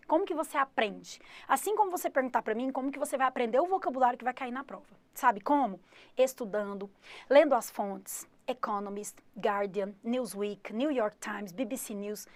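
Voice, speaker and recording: A Brazilian woman teaching an exam-prep English lesson, lively and switching between English examples and Portuguese explanations. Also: on the high side, normal speed, no room sound.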